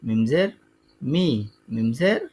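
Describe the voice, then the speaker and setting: A man teaching Quran letter sounds, saying each letter and its vowel twice in a slow, deliberate drill. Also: on the high side, expressive, a little mellow, low-quality recording. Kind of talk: slow recitation lesson.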